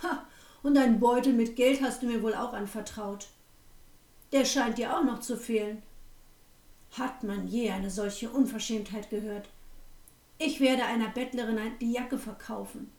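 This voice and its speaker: A woman's voice: on the high side, a little fast, few pauses, echoey room, distant mic, natural voice, low-quality recording. A woman doing a harsh, scornful innkeeper man. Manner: shouting, mocking. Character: harsh scornful male innkeeper, loud and contemptuous.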